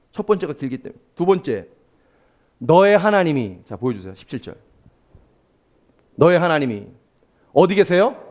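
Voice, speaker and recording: A male pastor preaching a sermon, swinging between loud exclamations and hushed, almost whispered lines. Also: a little high.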